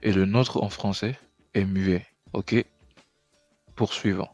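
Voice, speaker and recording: Deep-voiced man teaching English. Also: steady tone, slow, a little mellow, dry recording, faint music behind. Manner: patient, checks in with "ok?". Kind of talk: explanatory language lesson.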